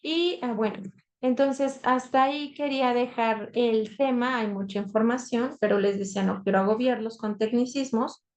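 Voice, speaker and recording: A woman teaching a live online class. She explains step by step, often checks in with a quick question tag and pauses on fillers. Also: on the high side, fairly even intonation, darkish tone, low-quality recording. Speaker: instructor.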